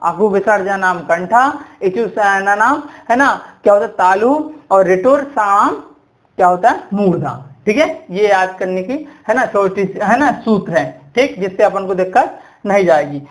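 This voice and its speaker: A woman's voice: mid-range voice, lively intonation, normal speed. Woman teacher drilling rules with "है ना" checks. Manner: keeps asking "है ना" and "ठीक है", repeats rules in a chant. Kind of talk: exam-prep grammar lesson.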